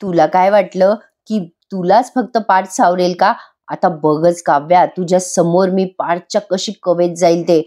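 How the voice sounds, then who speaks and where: A woman's voice: on the low side, steady tone, moderate pace, warm tone, close to an everyday voice. A woman reading the lines of a scheming, jealous young woman, in a mock-sweet, plotting tone.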